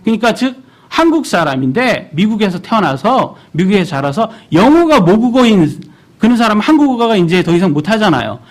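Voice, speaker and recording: A man in his thirties delivers a sermon in a church, his voice pitched high and swinging through a wide, lively range. He keeps turning to the congregation with questions. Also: a little fast. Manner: animated, asks the congregation questions. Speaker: preacher.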